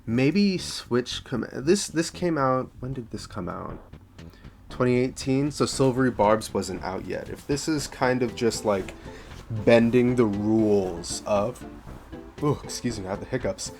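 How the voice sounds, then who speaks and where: A man's voice: medium pitch, expressive, slow pace, darkish tone, soft background music. A man casually reviewing homebrew tabletop rules, thinking aloud and repeating himself as he goes. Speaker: tabletop game content creator.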